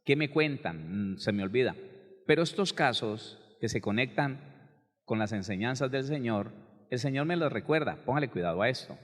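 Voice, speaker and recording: A man giving a conversational, animated sermon as a pastor. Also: medium pitch, moderate pace, in a large hall. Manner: conversational, animated, acts out quoted people.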